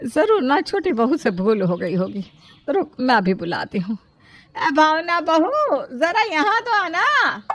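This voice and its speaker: A woman voicing an indulgent older mother-in-law in an animated storybook, placating her son. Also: mid-range voice, moderate pace, a little hiss or hum. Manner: soothing, placating.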